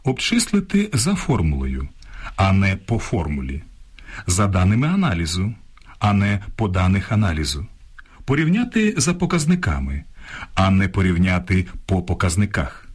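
Male radio presenter, husky and low, very lively pitch, measured scripted teaching read. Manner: measured, instructive contrasts of correct and incorrect usage. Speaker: radio language program presenter. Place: radio studio.

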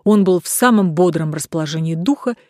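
A woman narrating an audiobook in a measured, steady reading. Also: on the low side, no room sound, clean studio sound.

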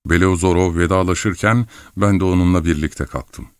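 A man from Turkey reading an audiobook in a calm, wistful manner. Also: low-pitched, normal speed, clean tone, dry recording. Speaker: audiobook narrator. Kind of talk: audiobook narration.

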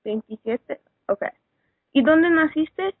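A woman conducting a friendly class interview, asking questions in a halting way. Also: sits high, animated, no echo. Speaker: student interviewer. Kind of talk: casual phone interview. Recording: tinny phone line with faint noise.

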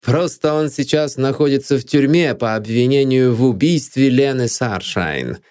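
A man voicing a dry, sharp lawyer who questions in an audiobook. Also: medium pitch, lively intonation, moderate pace, clear, resonant tone, voice pushed up, close to an everyday voice. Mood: dry, probing. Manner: dry and probing.

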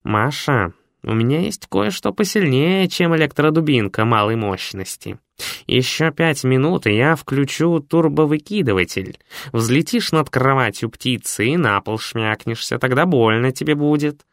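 A man's voice: mid-range voice, expressive, measured pace, no room sound, studio quality, pitched above the performer's own voice. A man voicing a stern robot cat who nags and scolds in a raised voice. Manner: bossy, nagging.

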